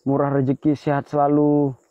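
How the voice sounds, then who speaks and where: A man's voice: a little high, monotone, moderate pace, no room sound. A man hunting ghosts in a cemetery at night, exclaiming as he points things out, recorded on a phone. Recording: slightly dull lo-fi phone audio.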